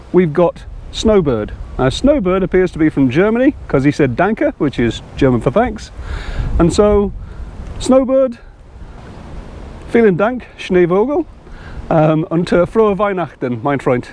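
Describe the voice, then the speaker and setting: A man's voice: on the high side, a little mellow, slight background noise. An older man chatting casually to camera while fishing outdoors, rambling and self-deprecating. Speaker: angling vlogger. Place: outdoors by a fishing lake in strong wind.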